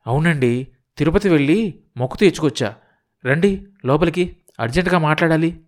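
A man voicing an anxious, scheming male go-between who talks in a hurried, pressing way. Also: fairly high pitch, voice pushed up, natural voice. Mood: urgent.

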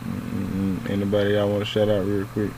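Low-voiced man hosting, noisy background. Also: monotone, normal speed, creaky. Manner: slangy, repeats himself. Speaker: interview host. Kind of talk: casual chat.

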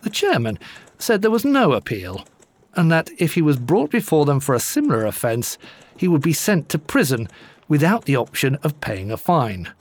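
A man reading old newspaper court reports aloud in a measured, lively way with dry wit. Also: fairly high pitch. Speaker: narrator.

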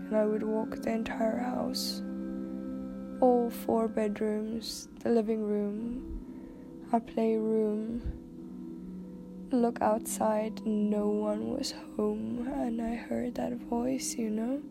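Congested nasal woman telling stories casually, kinda slow n musing, music in the background. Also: fairly high pitch, little pitch movement, creaky. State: congested sinuses. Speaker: storyteller. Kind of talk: casual personal storytelling. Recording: music behind the voice.

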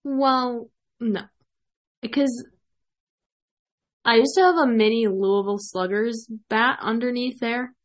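A woman's voice: on the high side, slow, pauses often. A young woman hosting a casual podcast, dry and mock-serious, brushing off questions. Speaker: podcast host. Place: remote call.

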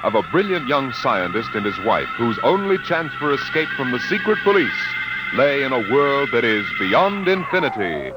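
Loud music plays on an old broadcast disc behind a male announcer. He narrates a 1950s radio trailer dramatically, in a medium-pitched, lively voice. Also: moderate pace, poor audio.

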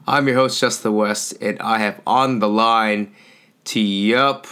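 A man hosting a sports podcast, chatting casually in a relaxed, rambling way with many fillers. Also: fairly low pitch, slow pace, clean tone. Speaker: podcast host.

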